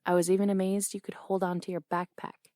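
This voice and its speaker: A young woman voicing a brash, teasing tomboy boxing coach in an audio role-play, blunt and quick to laugh. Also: medium pitch, level tone, dark tone, no room sound, clean studio sound, close to an everyday voice.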